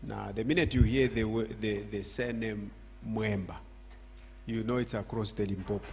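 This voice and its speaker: A man's voice: lowish voice, fairly even intonation, moderate pace, a little mellow, slight background noise. An older man from Zambia giving an emphatic church address as guest speaker, repeating his phrases with rising force.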